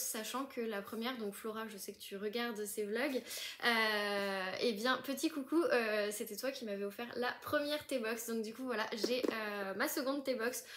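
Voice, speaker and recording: Young woman vlogging an unboxing, bit high voice, chatty and gushy, lots of euh. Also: fairly bright tone. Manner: chatty, many fillers and restarts, gushing. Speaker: book vlogger. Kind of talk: casual unboxing chat.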